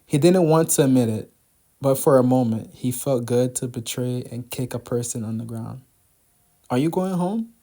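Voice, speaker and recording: A man reading a manga aloud as narrator, in a subdued, quiet manner. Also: mid-range voice, fairly even intonation, normal speed. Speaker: manga reader.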